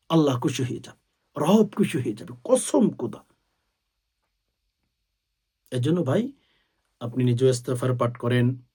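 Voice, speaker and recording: A man preaching a sermon, talking straight to his listeners as friends, swelling to loud, drawn-out stresses and chanting short Arabic phrases slowly. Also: mid-range voice. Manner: swells to loud, drawn-out emphasis on key words; addresses listeners directly as friends.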